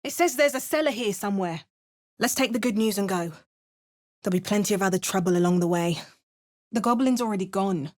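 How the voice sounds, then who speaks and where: Speaking briskly but pausing often, a woman with a medium-pitched, darkish voice gives a lightly acted performance. She is the player character in a video game, a determined female adventurer whose narration and remarks are dry, wry, and understated.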